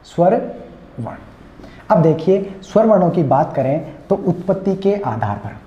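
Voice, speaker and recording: A man teaching an exam-prep class, explaining each point over and over, calling his students friends and slowly sounding out vowels. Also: a little high, big pitch swings. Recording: echoey room, dull lo-fi sound.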